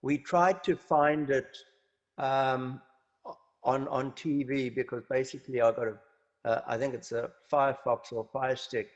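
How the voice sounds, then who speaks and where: A man's voice: mid-range voice, steady tone, measured pace. Hesitant man asking a question, muffled. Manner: hesitant, fillers. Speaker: audience member asking a question. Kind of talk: casual question. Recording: dull lo-fi sound.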